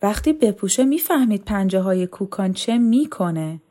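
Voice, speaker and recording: A woman voicing a humble male tailor who is gentle, hospitable and proud of his work, in an audiobook novel. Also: mid-range voice, lively intonation, natural voice.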